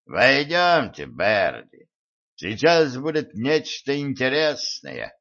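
A man reading an audiobook and voicing a scornful, cool-headed rich man who speaks slowly and mockingly. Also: medium pitch, very animated, vocal fry, fairly bright tone, pitched above the performer's own voice, full character voice. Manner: mocking, unhurried, emphatic. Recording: muffled lo-fi recording.

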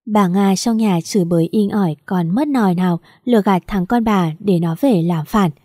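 A woman's voice: mid-range voice, normal speed, no room sound. A woman narrating a first-person story evenly as an audiobook reader, close to the mic. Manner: even, storytelling.

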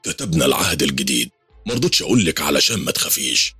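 A man as a calm jinn king. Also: rumbling low, racing, breathy edge, dry recording, faint music behind, full character voice. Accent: Egyptian Arabic. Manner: reassuring, calm.

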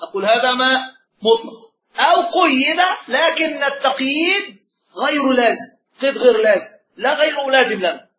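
Male sheikh, quick-paced religious teacher who quizzes his listeners; roomy, lo-fi recording. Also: very high-pitched, sharp tone. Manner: asks the audience rhetorical check questions. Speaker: sheikh teaching Islamic law. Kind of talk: religious lesson. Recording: roomy, dull lo-fi sound.

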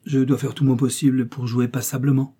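Man reading as modest young girl, gentle, slightly husky, audiobook. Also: medium pitch, level tone, fairly quick. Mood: polite.

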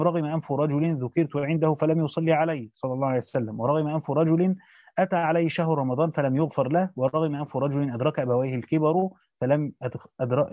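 A man's voice: fairly high pitch, mellow, dry recording, muffled recording. A man teaching Quran commentary, reading the text aloud and then explaining it in colloquial asides.

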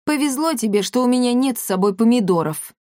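A woman's voice: a little high, lively intonation, fairly quick, mellow, no echo, studio quality, voice pushed up, lightly acted. Woman doing a grumpy sarcastic cat. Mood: snide. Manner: grumbling, snide.

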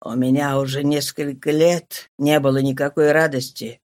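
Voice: medium pitch, little pitch movement, moderate pace, a little mellow, dry recording, studio quality, pitched below the performer's own voice, lightly acted. An audiobook reader voicing a stern male landowner, a former sailor, who gives curt orders. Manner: curt, commanding. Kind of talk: audiobook character voice.

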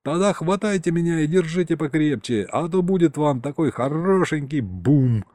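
A man's voice: a little high, expressive, moderate pace, dark tone, no room sound, pitched above the performer's own voice, lightly acted. A man voicing a joking young male pilot in an audiobook, wry and mock-dramatic, drawing out his words. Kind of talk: audiobook character voice.

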